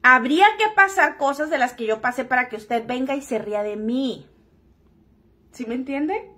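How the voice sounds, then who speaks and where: A woman's voice: high-pitched, moderate pace, fairly bright tone. A woman telling a personal story to camera in a frank, joking, crude-spoken way. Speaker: vlogger.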